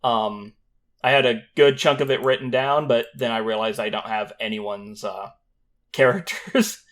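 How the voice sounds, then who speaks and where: A man's voice: medium pitch, steady tone, measured pace, a bit bright. A man speaking as the game master of a tabletop role-playing game. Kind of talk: scripted scene narration, then casual chat.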